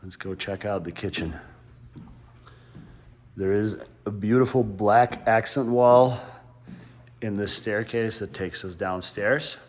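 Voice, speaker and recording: A man's voice: fairly low pitch, takes it slowly, pauses often, a little hiss or hum. A man with a slight lisp from a dental retainer, giving an easygoing, rambling walkthrough of a house while filming on a gimbal. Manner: easygoing, rambling, self-correcting. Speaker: real estate home tour guide. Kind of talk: casual walkthrough narration. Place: inside a large house. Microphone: handheld camera on a gimbal.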